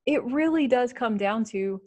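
A woman's voice: fairly high pitch, expressive, unhurried, a little mellow. A woman co-hosting a podcast in casual chat, playfully indignant and thinking aloud with many fillers. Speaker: podcast co-host.

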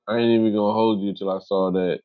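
A man's voice: lowish voice, fairly even intonation, fast, phone-quality sound. A man co-hosting a podcast, joking and slangy, acting out little bits. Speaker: podcast co-host. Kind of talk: casual chat.

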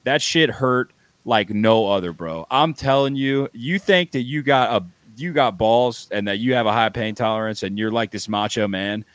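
A young man hosting a casual podcast, excitable and loud, rambling and swearing freely. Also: medium pitch, moderate pace, smooth, dry recording. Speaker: podcast host.

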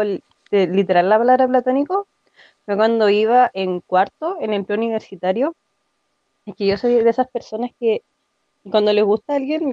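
A woman's voice: mid-range voice, dry recording, highs cut off. A young woman with a Chilean accent chatting casually as a podcast co-host, telling stories animatedly and acting out her own quotes. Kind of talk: casual chat.

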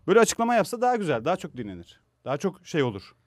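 A man's voice: a little high, huge pitch swings, rapid-fire, darkish tone, dry recording, clean studio sound. A man co-hosting a radio show in casual chat, laughing often and mimicking people mockingly. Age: older than his co-host. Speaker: radio co-host.

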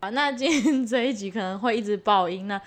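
A young woman with a Taiwanese Mandarin accent co-hosting a casual podcast, telling stories with frequent laughter and animated voices for the people she quotes. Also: medium pitch, a little fast. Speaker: podcast co-host. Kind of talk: casual chat.

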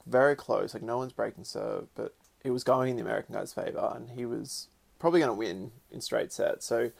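A man co-hosting a casual podcast, telling animated stories full of fillers. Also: medium pitch, a little fast, vocal fry, slightly rough. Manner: storytelling, animated, many fillers. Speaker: podcast co-host. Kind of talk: casual chat.

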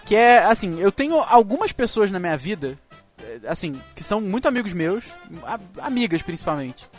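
A man's voice: sits high, a little fast, soft background music. A man co-hosting a casual podcast chat, telling stories and asking the others questions. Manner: animated storyteller, asks the others questions. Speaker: podcast co-host.

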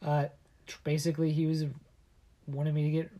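A man co-hosting a casual chat podcast, telling stories in a halting way full of restarts and often dropping his voice low and conspiratorial. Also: completely flat delivery, warm tone, dull audio. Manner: halting storyteller with many restarts. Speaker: podcast co-host.

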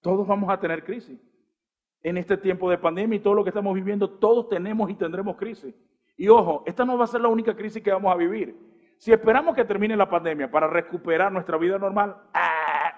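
A pastor in his forties preaches with lively energy and keeps asking his listeners rhetorical questions. His voice sits high for a man. The recording sounds dull and muffled. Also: fast talker. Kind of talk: sermon.

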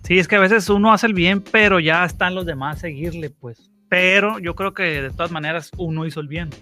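A Mexican man with a bright, slightly high voice muses about doing good, in a relaxed, slangy way. Faint music sits behind him. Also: fairly quick. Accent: Mexican Spanish. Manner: reflective, slangy, offering opinions. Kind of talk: casual chat.

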